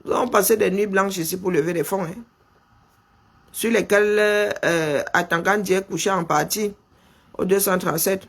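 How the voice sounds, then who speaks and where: A man's voice: sits high, normal speed, vocal fry, fairly bright tone, slightly rough. A middle-aged man with a Cameroonian French accent hosting a political live stream, pressing his point with rhetorical questions and calling out punctuation as he speaks. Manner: insistent, rhetorical questions, dictates punctuation aloud.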